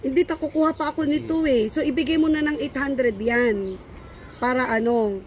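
A young woman chatting casually and haggling with lively exclamations while shopping outdoors at a sunny beach. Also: sits high, moderate pace, a crowd in the background. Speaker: vlogger and shopper. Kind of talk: casual chat while bargaining. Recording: outdoor beach noise behind.

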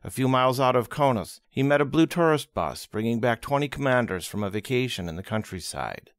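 Male audiobook narrator, lively pitch, dry close-mic sound, expressive reading. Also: a little fast, no room sound. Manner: expressive, dramatic reading of quotes. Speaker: audiobook reader.

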